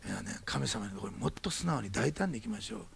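A male pastor preaching a sermon, telling a story with lively quoted dialogue and then leading a prayer. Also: medium pitch, quick pace, vocal fry, breathy edge.

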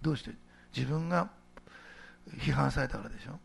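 A middle-aged male pastor giving a sermon in a conversational, animated way, posing rhetorical questions to the congregation. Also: mid-range voice, a little fast, creaky, slightly rough.

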